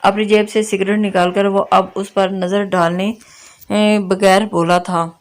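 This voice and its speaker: A woman narrating a novel in a steady, monotone read with frequent restarts. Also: medium pitch, unhurried. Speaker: audiobook narrator. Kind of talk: novel reading.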